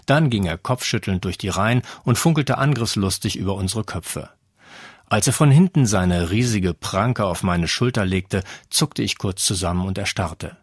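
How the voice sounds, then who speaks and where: Brief: male audiobook narrator, low and husky, steady measured reading. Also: no echo, studio quality. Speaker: audiobook reader. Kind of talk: scripted narration.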